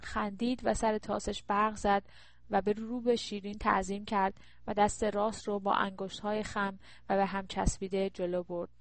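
A woman narrating a novel with steady, descriptive storytelling. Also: mid-range voice, no echo. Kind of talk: audiobook narration.

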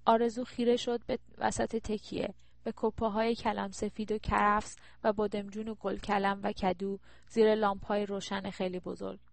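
A woman narrating a novel with steady, descriptive storytelling. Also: medium pitch, gravelly, no room sound. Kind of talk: audiobook narration.

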